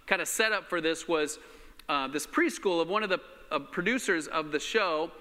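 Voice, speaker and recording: A man preaching into a pulpit microphone, his voice high and very bright. The church hall around him rings with a long reverb. He talks loosely and haltingly, full of fillers. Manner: relaxed, halting, with many fillers. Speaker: pastor. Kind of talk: sermon.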